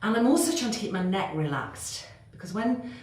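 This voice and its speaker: A woman with a medium-pitched, sing-song, slightly mellow voice speaks at a moderate pace. She cues exercises as she works out along with them, growing breathless, and the room is very echoey with faint noise.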